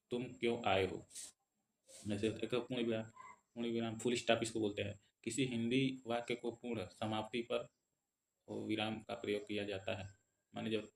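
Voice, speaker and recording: Guy teaching grammar, repeats every point, slows down for examples, kinda monotone. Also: on the low side, a little hiss or hum. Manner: explains each point twice, slowing down for examples. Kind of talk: explanatory lesson.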